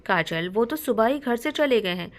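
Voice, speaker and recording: A woman voicing a calm, affectionate young man in a romance story, speaking gently and teasing a little. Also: a little high, normal speed, close to an everyday voice. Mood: tender.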